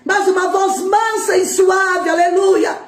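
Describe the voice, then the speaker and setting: A middle-aged Brazilian woman preaching an emotional Pentecostal sermon, impassioned, shouting and tearful at times. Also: extremely high pitch, steady tone, takes it slowly, reverberant. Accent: Brazilian Portuguese.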